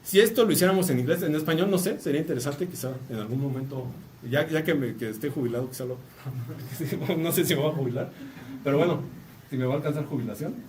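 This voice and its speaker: A Mexican man lectures at a rapid clip in a relaxed, chatty way, tagging his points with a quick "no?" and slipping in jokes. He sounds a little distant from the microphone, with a faint hum of room noise behind him. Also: a little high. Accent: Mexican Spanish. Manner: chatty, tags phrases with a questioning "no?", joking asides. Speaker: university lecturer. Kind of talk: casual academic talk.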